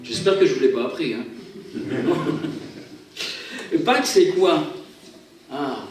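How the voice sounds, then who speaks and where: As a guest singer in a church hall, a man gives a chatty, casual introduction to a song, often repeating words as he restarts sentences. His slightly high, expressive voice moves slowly over soft music, sounding distant in a very echoey hall with faint noise.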